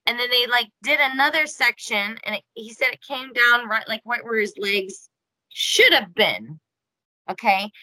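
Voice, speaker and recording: A woman's voice: a little high, bright, forceful tone, dry recording, low-quality recording. A woman hosting a casual talk show, telling a story with many fillers and acting out the quotes. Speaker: podcast host.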